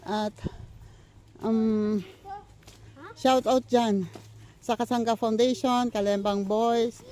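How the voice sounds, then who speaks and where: Walking outdoors in the countryside, an older woman vlogs while out of breath, thanking her supporters and chatting casually. Her voice is on the high side with a darkish tone. She rambles, full of fillers and restarts.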